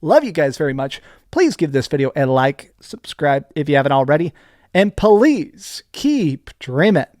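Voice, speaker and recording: A man with a slightly scratchy, hoarse voice giving casual, off-the-cuff gaming commentary in an emphatic, informal way. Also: mid-range voice, big pitch swings, a little fast, hardly any pauses, darkish tone, dry recording, studio quality. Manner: emphatic, informal, mildly profane. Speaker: gaming video host.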